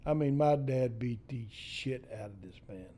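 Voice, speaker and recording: A man's voice: mid-range voice, a little slow, dark tone. An older man from East Texas with a Texan accent, telling a profane family story in casual storytelling style. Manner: salty, profane yarn-spinning.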